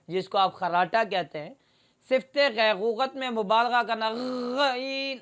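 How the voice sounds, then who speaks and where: A woman's voice: a little high, fairly bright tone. A woman teaching a Quran recitation lesson, explaining each letter steadily and demonstrating the sounds by drawing them out and repeating them.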